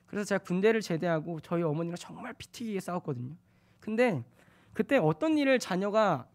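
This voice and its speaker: A young man preaching a sermon, switching between loud scripture reading and soft, hushed confiding. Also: high-pitched. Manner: acts out his own angry and tender words in quotes.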